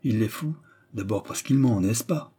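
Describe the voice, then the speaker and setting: A man reads aloud with a lowish, warm, slightly rough voice, lively intonation and normal speed. He plays a middle-aged noblewoman adventuress, scheming and persuasive, who frightens her young companion with feigned sweetness. The mood is menacing and persuasive, the delivery insistent and menacing under that false sweetness.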